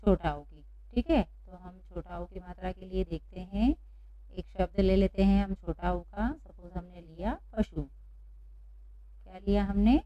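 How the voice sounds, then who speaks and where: A woman teaching pronunciation in a classroom-style lesson, asking questions and slowly repeating each answer. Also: fairly low pitch, dull audio. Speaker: Sanskrit teacher.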